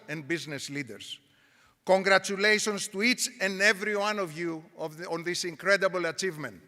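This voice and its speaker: A woman, a university provost, gives a measured, formal commencement speech from an auditorium podium. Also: lowish voice, sharp tone. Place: large auditorium. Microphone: podium microphone. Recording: auditorium with long reverb.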